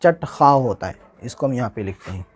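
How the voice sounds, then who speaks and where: A man teaching Urdu handwriting, spelling each word slowly and repeating it, often asking how the letters are joined. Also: mid-range voice, lively intonation, slightly rough. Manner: slow, patient, repeats each word and asks "how will we join this?". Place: indoors, recording a tutorial without a camera.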